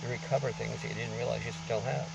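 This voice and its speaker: A man talking through a face mask in a rambling, informal monologue to camera, halting but emphatic as he lectures. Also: medium pitch, fairly even intonation, gravelly, far from the mic, heavy background noise. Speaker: vlogger. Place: outdoors on a beach.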